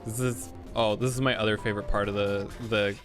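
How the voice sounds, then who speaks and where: A man's voice: fairly low pitch, fairly even intonation, fairly quick, music in the background. A man giving casual gaming commentary as a streamer, informal, rambling and sweary. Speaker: video game streamer.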